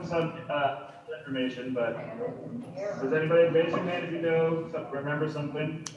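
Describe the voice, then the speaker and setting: A man, a teacher, talking casually with his class over a video call in a relaxed, chatty way. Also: fairly high pitch, normal speed, a crowd in the background. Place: classroom, indoors. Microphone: computer mic in the room. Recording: dull, echoey video-call audio from far off.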